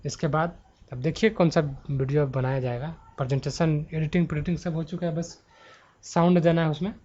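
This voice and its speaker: Recording into a handheld mic at his laptop at home, with dull lo-fi audio, a man works through grammar exam preparation. His voice is on the high side and a little mellow, and he thinks aloud and self-corrects as he teaches.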